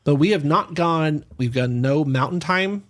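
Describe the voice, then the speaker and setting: A man's voice: fairly high pitch, unhurried. A man co-hosting a podcast, casually chatting and leading with questions. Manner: inquisitive, leads with questions. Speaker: podcast co-host. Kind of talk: casual chat.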